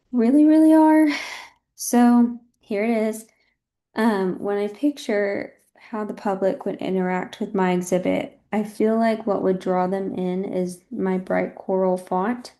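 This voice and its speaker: A heavily pregnant woman, out of breath, gives an informal student presentation on a design project. Her medium-pitched voice is warm, and she speaks conversationally and apologetically.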